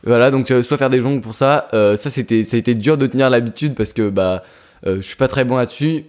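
A young man co-hosting a casual podcast, talking in a relaxed way with many hesitations and fillers. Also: medium pitch, quick pace. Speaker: podcast co-host.

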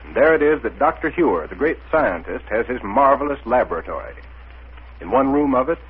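A man's voice: medium pitch, husky. A man speaking as an old-time radio announcer, theatrical and salesman-like, on a muffled 1930s radio recording.

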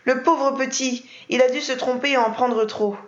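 Woman reading a gentle older aunt, distraught, tender, roomy, lo-fi. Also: high voice, fairly even intonation, moderate pace, voice pushed up, lightly acted. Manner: tearful, tender. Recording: roomy, dull lo-fi.

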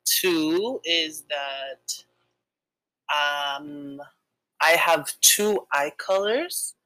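A woman's voice: sits low, sharp tone, dry recording, poor audio. A young woman co-hosting a casual podcast, chatty and hesitant, with lots of fillers. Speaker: podcast co-host. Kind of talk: casual chat game with a friend.

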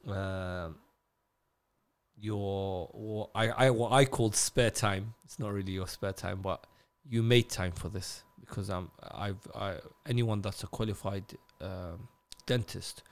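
Male interviewer from Iraq, lower register, halting delivery with frequent restarts, probing questions. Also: steady tone. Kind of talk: conversational interview.

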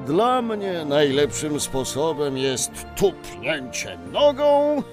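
Jolly old Santa Claus, hugely expressive intonation, unhurried pace, kindly and wise, children's storybook audio. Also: male voice, a little high, music in the background. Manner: theatrical, patient, reassuring, chuckling.

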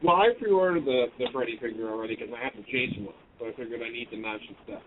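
A man speaks as guest co-host over a clipped phone line, and his voice comes through thin and boxy. Faint hiss sits under it. He talks in a halting way, full of fillers and restarts. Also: medium pitch. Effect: clipped phone line that breaks up. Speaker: guest co-host, horror radio show host. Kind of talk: casual chat.

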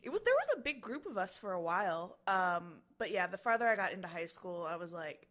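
A woman's voice: fairly low pitch, sing-song, fairly quick, a bit bright. Chatty young woman podcast co-host. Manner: chatty, lots of fillers and restarts. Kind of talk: casual chat.

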